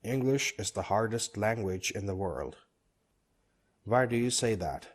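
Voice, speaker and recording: A man reading both parts of short scripted dialogues for English learners, steady and measured. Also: fairly low pitch.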